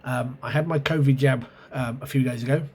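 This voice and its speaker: A mid-pitched man with a cold and sore throat hosts his own channel reviewing role-playing games, rambling through memories of an old one in a casual video review. He talks a little fast with fairly even intonation and a slightly mellow voice, full of ums, hesitations and self-corrections. It was recorded at home on a camera mic with a little hiss or hum.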